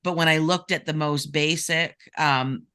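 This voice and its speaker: A man speaking as a panelist in a casual discussion, halting and restarting often as he explains. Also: a little high, steady tone, bright, forceful tone, clear, resonant tone.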